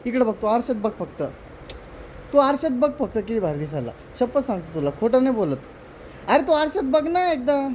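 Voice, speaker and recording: A man's voice: extremely high pitch, big pitch swings, moderate pace, a little mellow, slight background noise. A man vlogging at home, teasing and cajoling a relative during a family prank. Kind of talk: casual family prank vlog. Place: indoors at home.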